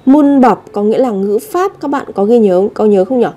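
Teaching Korean vocabulary at a moderate pace, this woman speaks in a mellow, relaxed voice pitched slightly high. She goes over each word patiently and often puts questions directly to her viewers.

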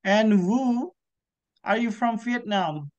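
A man's voice: sits high, expressive, slow. A man leading an online English speaking class, with short, encouraging prompts to his students. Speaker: English teacher. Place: indoor room with virtual background. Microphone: video call. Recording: muffled video call audio.

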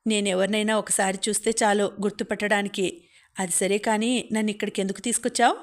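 A woman voicing a feisty, sharp-tongued rich young woman who scorns and threatens, in a storybook reading. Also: medium pitch, fairly even intonation, fairly quick, natural voice. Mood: scornful.

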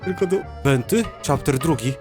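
A young man with a slightly raised pitch, commentating a game he is playing. He reacts loudly, laughs and curses, and reads the on-screen text aloud. Faint game music plays behind him. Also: expressive, moderate pace. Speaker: gaming YouTuber. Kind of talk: let's play commentary.

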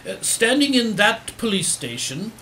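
An actor playing an earnest, courteous Victorian gentleman doctor in a formal period audio drama. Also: high-pitched, very animated, unhurried, slight background noise, heavily acted, poor audio. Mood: earnest, grave.

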